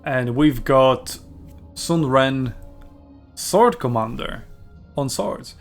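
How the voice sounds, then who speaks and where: A man hosts a gaming video in a casual, rambling commentary voice. He talks at a mid pitch, chatty and full of fillers. He often stops to correct himself. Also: animated, extremely slow, creaky, soft background music.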